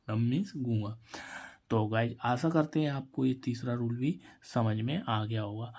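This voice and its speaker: A man's voice: medium pitch, a little mellow. A man teaching English pronunciation, spelling words out letter by letter and answering his own questions. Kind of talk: Hindi-language English lesson.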